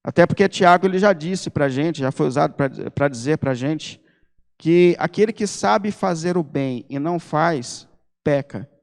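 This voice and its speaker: A man preaching a sermon as pastor, speaking Brazilian Portuguese, emphatic and conversational, mixing personal stories with forceful appeals. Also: a little high, a little slow, in a large hall. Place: church hall.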